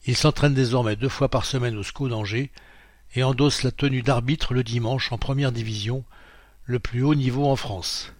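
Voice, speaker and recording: Male reader, mid pitch, plain dry studio sound; reads articles aloud, calls out pages and quote marks. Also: normal speed, no echo. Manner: reads out quote marks and page numbers, steady informative delivery. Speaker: magazine reader. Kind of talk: read-aloud narration of a printed magazine.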